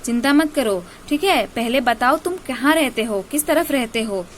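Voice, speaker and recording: Kind male owl, reassuring, coaxing, a bit high, woman doing the voice, storybook. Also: animated, normal speed, a little hiss or hum.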